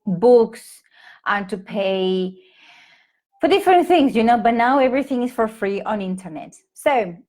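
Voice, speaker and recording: A woman from Peru, in her thirties, talks casually to English teachers during a live stream from home, her Peruvian Spanish accent clear and her sentences full of fillers and false starts. Her voice is on the high side and slightly mellow, with lively intonation and a somewhat slow pace, captured on a laptop or phone mic.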